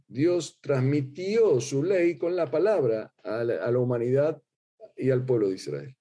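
Lecturing on religion, this middle-aged rabbi speaks with an Argentine Spanish accent and a lilting, teacher-like cadence. His voice, medium in pitch, is deeply dark with some huskiness, and he tends to echo a word or two as he searches for what to say next.

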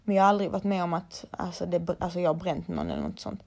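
A woman's voice: fairly low pitch, steady tone, vocal fry, darkish tone. A young woman, a laser hair removal technician, chatting casually and bluntly to her followers and swearing freely.

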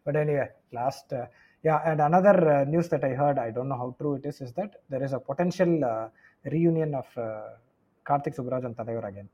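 A man's voice: medium pitch, fast talker, mellow, slightly rough, muffled recording. A man with a South Indian Tamil accent explaining his views in casual conversation, switching between English and Tamil.

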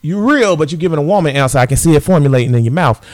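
A man's voice: on the high side, lively intonation, racing. A man who is a podcast guest, in casual chat, crude, teasing and boisterous.

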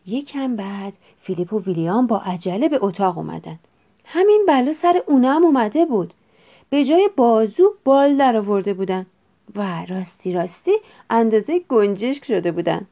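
A woman reading a children's story aloud in an expressive, measured way. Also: mid-range voice. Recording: dull lo-fi recording.

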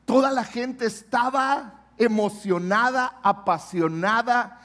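A man's voice: very high voice, slow pace, a bit bright. A man preaching a sermon as pastor, emphatic and putting questions to the congregation.

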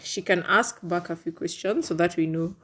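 A woman's voice: lowish voice, normal speed, crowd noise. A woman co-hosting a podcast, asking questions in an easygoing, teasing casual chat. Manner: easygoing, asks questions, teases back. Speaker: podcast co-host.

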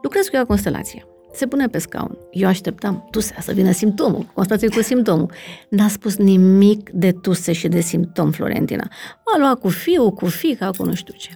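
Gravelly, mellow-voiced woman explaining. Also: mid-range voice, animated, faint music behind. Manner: explains with many fillers and checking questions like "da?". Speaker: family constellations facilitator, guest. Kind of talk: conversational explanation in an interview.

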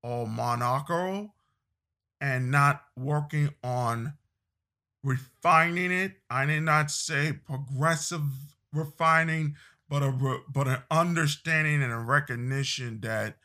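Slow, bright-voiced male political commentator. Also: on the high side. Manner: slow, emphatic, repeats phrases and restarts. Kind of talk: opinion monologue.

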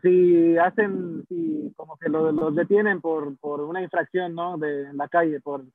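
A young American man appears as a guest, speaking a little slowly in a voice on the high side. He chats casually and rambles with lots of fillers and restarts, and the dry recording has a tinny, phone-like sound.

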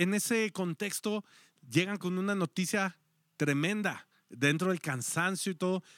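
A man preaches a sermon in a voice that sits a little high for a man. He tells the story with animation, acts out the quotes, and now and then drops to a near-whisper. The sound is dry and close, with almost no room echo. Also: a bit bright. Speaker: pastor.

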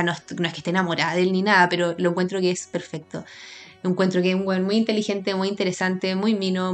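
A young Chilean woman with a Chilean accent, telling her own stories in a casual, animated, self-mocking way with lots of slang. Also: medium pitch. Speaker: podcast host. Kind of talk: casual storytelling monologue.

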